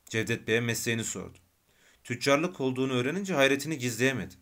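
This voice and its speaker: A man narrating an audiobook of a novel in a calm, measured reading. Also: mid-range voice. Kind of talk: scripted narration.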